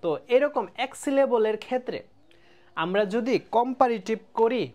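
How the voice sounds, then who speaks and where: A man teaching an English grammar lesson in a casual video, explaining step by step, checking that students follow, and drawing out example words slowly. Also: extremely high pitch, darkish tone. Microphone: close mic, writing on a board.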